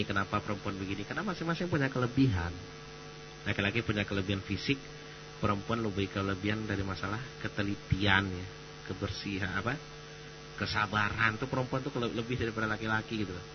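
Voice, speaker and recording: Male preacher, casual joking lecture, dull hum-laden recording. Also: fairly low pitch. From Sumatra. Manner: chatty, joking, animated. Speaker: Islamic preacher.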